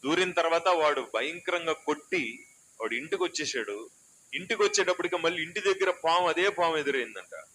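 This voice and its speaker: Man, pastor, sermon, bright forceful voice, loud calls then quiet asides, small church hall. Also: on the high side, animated, a little fast. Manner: swings between loud exhortation and soft, chatty asides.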